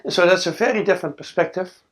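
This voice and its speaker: This is a high, somewhat bright voice from a fast-talking Dutch-accented man in his sixties. He is a scientist giving a thoughtful oral history interview, full of fillers and false starts. A lapel mic captures him in a studio set against a backdrop.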